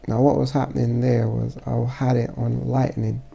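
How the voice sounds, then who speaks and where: A man with a stuffy, congested voice narrating a casual photo-editing tutorial as he works, halting and thinking aloud. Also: medium pitch, flat delivery, creaky, dark tone, slightly rough, highs cut off. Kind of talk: casual software tutorial voice-over.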